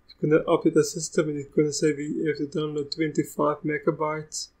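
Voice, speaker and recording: A young man with a South African accent with some Russian in it hosts a live computer tutorial. His voice sits a bit high and stays fairly flat in melody. He chats easily and often restarts his sentences. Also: a little fast, low-quality recording. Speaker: tech tutorial host. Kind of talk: live screen-recorded software tutorial.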